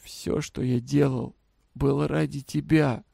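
A man voicing a sick, weary middle-aged father who talks quietly, almost whispering, and slowly. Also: medium pitch, flat delivery, vocal fry, slightly rough, no echo, studio quality, exaggerated voice. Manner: quiet, near whispering, slow.

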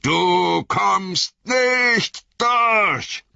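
Man voicing an old wizard, audiobook character, weary yet commanding, drawn-out words, husky edge, dull dry sound. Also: extremely low pitch, big pitch swings, bright, forceful tone, dry recording, voice pushed down, exaggerated voice. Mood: commanding, defiant. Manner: slow, drawn-out delivery.

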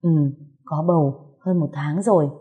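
A woman voicing Phong, a gentle teasing husband. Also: low voice, normal speed, phone-quality sound, lightly acted. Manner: soothing, lightly teasing. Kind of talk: audio story character voice.

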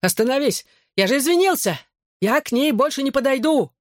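A man reading an audiobook, voicing a panicked teenage bully with a shrill, raised voice. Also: animated, a little fast, no room sound, studio quality. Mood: panicked pleading. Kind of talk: audiobook character voice.

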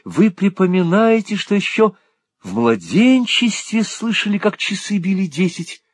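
A man's voice: high voice, sing-song, measured pace, dry recording, pitched above the performer's own voice, full character voice. A man voicing an earnest, naive young playwright who explains things politely with a touch of irony. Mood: explaining.

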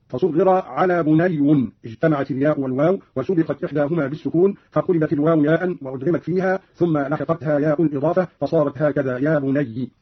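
A man delivers formal, scripted commentary at a rapid clip, his voice slightly raised in pitch. His tone is husky. The recording is muffled, like a vintage radio broadcast. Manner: brisk, explanatory, formal. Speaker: radio presenter explaining recitation readings.

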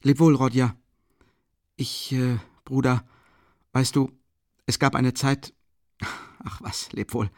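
A man reading an excitable young man who rambles and breaks off mid-sentence. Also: mid-range voice, slow, pauses often, dry recording, clean studio sound. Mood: halting. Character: agitated young man, excitable, talkative friend.

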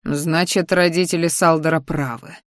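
A woman voicing a possessive young male dragon shifter, lowering her voice into a slow growl. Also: steady tone, no room sound, clean studio sound, lightly acted. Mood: hissing.

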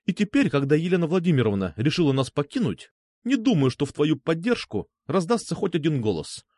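A man voicing a stern middle-aged female schoolteacher with a contralto voice, who talks loudly and commandingly. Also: on the high side, very animated, a little fast, dry recording, clean studio sound, voice pushed up. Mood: stern scolding. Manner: scolding, loud and commanding.

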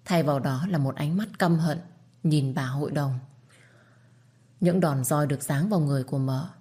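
A woman narrating a dramatic audio story in a steady, expressive way. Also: deep voice, moderate pace, husky.

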